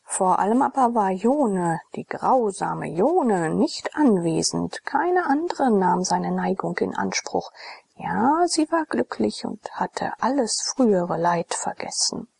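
A woman narrating a classic novel as a whispered audiobook reading, in a soft, slow, half-whispered storytelling manner. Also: mid-range voice, big pitch swings, vocal fry, slightly rough.

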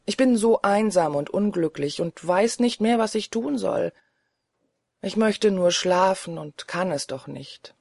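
A reader voicing a weary, lonely old male ghost in a soft, dreamy, mournful manner, from an audiobook reading. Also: mid-range voice, expressive, measured pace, vocal fry, no echo. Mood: pleading.

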